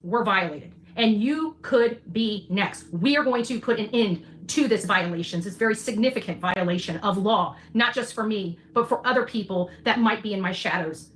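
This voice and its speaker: A woman with a mid-range, slightly bright voice speaks at normal speed with few pauses. Her livestream monologue is emphatic and declarative, repeating phrases for weight, heard through noisy replayed livestream audio.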